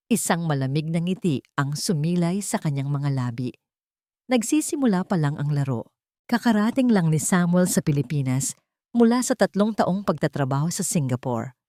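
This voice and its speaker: Reading a scripted dramatic story for an audiobook, a Filipino-accented woman narrates in a low-pitched, darkish voice. It's studio-quality audio without any room sound.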